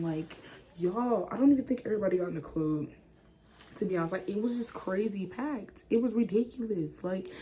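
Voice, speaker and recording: A young woman from the chatting casually through a storytime vlog, dropping into whispers and jumping high when she acts out what people said. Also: a little hiss or hum. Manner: animated, acts out quotes with sudden whispers and high squeals. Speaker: vlogger.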